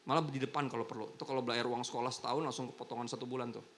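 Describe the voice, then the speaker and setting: A pastor preaches at a church service held in a hotel ballroom, his medium-pitched voice moving very fast. Chatty and animated, he tells stories casually and acts out the voices of the people in them. A faint hiss or hum sits under the audio.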